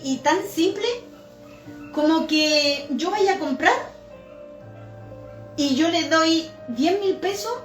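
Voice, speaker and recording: Woman preacher, high voice, earnest storyteller, soft music under a roomy church sound. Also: far from the mic. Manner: earnest storytelling with rhetorical questions to the congregation. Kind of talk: sermon. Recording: echoey church room with faint music.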